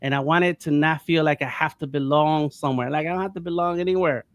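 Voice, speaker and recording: Halting, rambling middle-aged man. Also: a little high, steady tone, a bit bright, no room sound. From United States. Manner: rambling, halting, many restarts. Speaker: panel guest. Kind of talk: casual panel talk.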